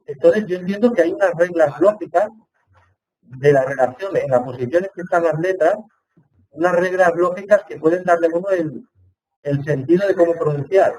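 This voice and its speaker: A man's voice: a little high, moderate pace, darkish tone, rough recording. A man attending an online Hebrew seminar, asking long winding questions and thinking aloud, on a computer mic. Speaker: seminar participant.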